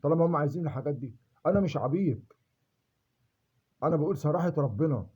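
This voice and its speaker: A man's voice: a little high, expressive, quick pace, a little mellow, husky, dull audio. A man with an Egyptian accent in a rambling personal monologue, emphatic and swearing oaths to be believed. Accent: Egyptian Arabic.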